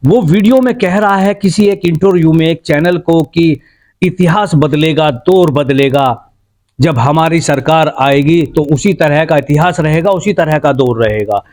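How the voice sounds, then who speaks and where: A man's voice: fairly high pitch, measured pace, darkish tone. A man working as a local news reporter, asking leading questions and leaning on stock phrases. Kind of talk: field interview.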